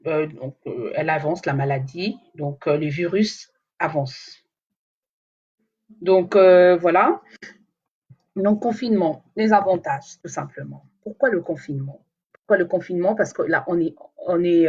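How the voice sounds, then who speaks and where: A vlogger whose first language is Lingala talks to her audience in a live video, and her deep voice comes through with the high frequencies cut off. The chat is casual and meandering, peppered with fillers and restarts.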